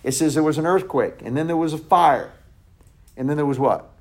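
A man leading a Bible study in a loose conversational way, often restarting and correcting himself, sometimes dropping his voice to a near hush. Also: fairly high pitch, a little fast.

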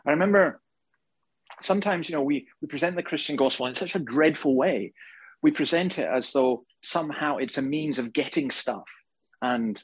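A man preaching a sermon to a congregation, telling stories with humor and animated emphasis. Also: medium pitch, slightly rough, low-quality recording. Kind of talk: sermon with storytelling. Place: church hall before a live congregation.

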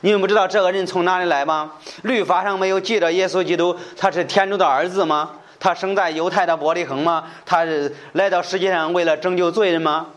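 A healed blind man, bold and indignant, pressing question after question at his accusers in a raised, lifted voice, as a preacher acts him out. His tone climbs high above the speaker's usual talk. He sounds astonished that they cannot see what is plain to him. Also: steady tone, a little fast, few pauses, a bit bright. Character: man born blind, now healed, boldly challenging.

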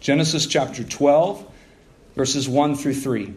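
A man's voice: medium pitch, takes it slowly. A man preaching into a pulpit microphone. He walks the congregation through scripture passages, reads them aloud, and puts rhetorical questions to his listeners. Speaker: pastor. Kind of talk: expository sermon.

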